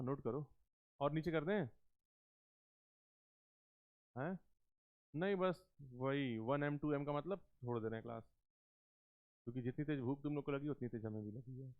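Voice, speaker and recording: A man teaching chemistry in a live class, coaxing students with questions and slowing down to dictate terms word by word. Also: medium pitch. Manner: coaxing, keeps asking students questions and calls them beta. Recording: tinny phone-like lecture recording.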